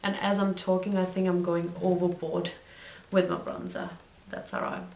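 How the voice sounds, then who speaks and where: A woman's voice: fairly low pitch, flat delivery, normal speed, vocal fry, a little mellow, a little hiss or hum. Chatty woman in a roomy echo. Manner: chatty, wanders off into side stories, corrects herself. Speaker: beauty vlogger. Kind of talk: makeup tutorial chat.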